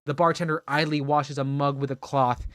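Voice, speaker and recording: In a lightly acted, mock-dramatic comedic bit, a man with a higher-than-average, level voice plays a drunk, menacing bar brawler. His tone is fairly bright and dry, at a normal speed, as he tells an ominous first-person story with a slurred, brooding air of menace.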